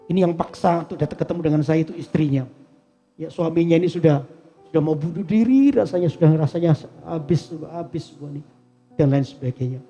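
A pastor delivers a sermon in a church service, telling stories and speaking straight to the congregation. His voice is a little high and warm, and he talks a bit quickly over soft background music.

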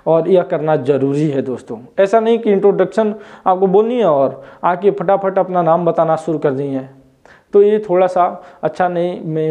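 A man in his twenties teaches an English lesson at a whiteboard in an indoor room, recorded on a lapel mic, and often poses questions to viewers as he explains. His voice is a little high, with a dark tone.

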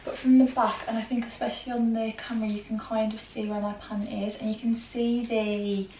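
Her warm, level voice is a little high and fairly quick as this twenty-something British fashion vlogger chats through a casual try-on haul, saying "like" constantly. The camera mic sits across a plain grey bedroom, giving roomy echo, an off-mic sound, faint ambience, and slight background noise.

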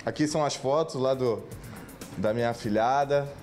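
A man's voice: medium pitch, normal speed. A young man, a football goalkeeper, chatting casually and joking while showing his apartment, speaking into a handheld mic with music underneath. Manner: relaxed, joking, laughs often. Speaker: football goalkeeper being interviewed. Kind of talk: casual home-tour interview. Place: apartment indoors. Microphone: handheld reporter mic.

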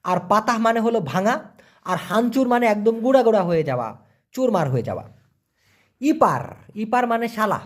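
A man teaching a vocabulary lesson, spelling words letter by letter and repeating them slowly. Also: high-pitched, lively intonation. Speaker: language teacher.

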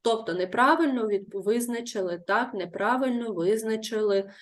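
A woman's voice: fairly high pitch, moderate pace. A woman teacher giving a classroom grammar lesson, patiently repeating her pupils' answers and asking guiding questions. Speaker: primary school teacher.

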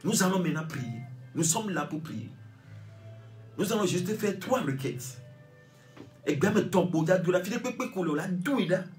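High-voiced Togolese preacher chanting prayers. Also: male voice, big pitch swings, normal speed, pauses often, darkish tone, faint music behind. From Togo. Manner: chanting repeated phrases, urging listeners to pray. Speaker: evangelist leading prayer. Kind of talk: fervent prayer sermon.

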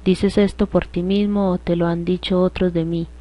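Brief: quiet man on trial, voiced by a woman reader, steady and flat. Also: lowish voice, normal speed, lightly acted. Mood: calm. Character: calm male prisoner speaking of his kingdom. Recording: dull lo-fi dry recording.

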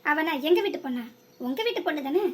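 Actor playing a squeaky cartoon hero, southern Tamil accent, combative and threatening. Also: lively intonation, fast talker, darkish tone, a little hiss or hum. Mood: defiant. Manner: confrontational, threatening. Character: bold young man defending a girl. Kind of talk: cartoon voice acting.

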